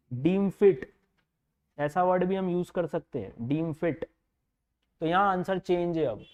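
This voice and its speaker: A man with an Indian accent teaching a live online law revision class. He mixes Hindi and English, slowly dictates legal wording and answers student comments as they come in. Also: high voice, a little mellow, dull audio. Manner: reads student comments aloud and answers them.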